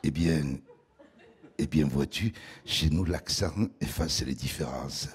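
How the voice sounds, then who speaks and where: Guy doing a low velvet toulouse accent, slow and husky, hamming it up. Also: exaggerated voice. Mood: warm mock-solemn. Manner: slow, warm, mock-solemn. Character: man with a deep velvety southern drawl.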